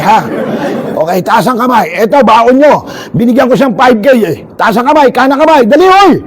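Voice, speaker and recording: A man giving an energetic, joking seminar talk to overseas workers, calling out to listeners and leading shouted chants. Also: a little high.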